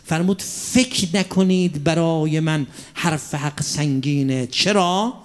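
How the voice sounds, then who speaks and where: A man preaching a religious sermon, asking the audience rhetorical questions and reciting Arabic quotations slowly and deliberately. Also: on the high side. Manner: drops to a hushed near-whisper for emphasis.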